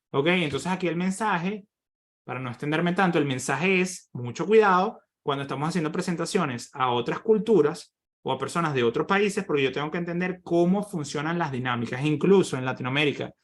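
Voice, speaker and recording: A man from Venezuela teaching an online workshop on presentation skills, explaining points and often tagging sentences with quick questions to his audience. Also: a little high. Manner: explanatory, with many rhetorical tag questions. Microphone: computer microphone on a video call.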